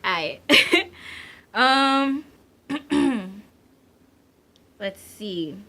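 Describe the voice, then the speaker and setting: A woman in her twenties from Central New Jersey with a light local accent, chatting playfully about herself in a casual vlog, laughing often and filling pauses with ums. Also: high-pitched, animated, pushed and bright. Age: 20s. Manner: says she is shy. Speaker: vlogger. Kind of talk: casual chat answering tag questions.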